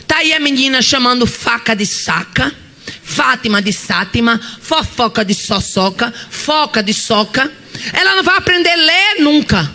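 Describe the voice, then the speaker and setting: A woman's voice: high-pitched, expressive, moderate pace, bright, forceful tone, full character voice. A woman mimicking a haughty, scornful schoolteacher. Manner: curt, scornful. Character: haughty female schoolteacher, dismissive.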